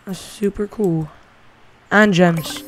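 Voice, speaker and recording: A man's voice: high-pitched, fairly even intonation, slow, a little hiss or hum. A male gaming channel host giving a casual game tutorial, thinking aloud and rambling with lots of filler words.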